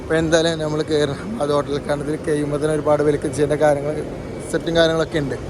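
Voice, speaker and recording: An excitable man with a slightly high voice chats casually to his vlog viewers. He mixes English slang words into his Malayalam and repeats catchphrases. The recording is a noisy handheld one. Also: rapid-fire. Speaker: vlogger. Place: hotel room and surroundings, on the move. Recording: noisy handheld vlog, ambient background noise.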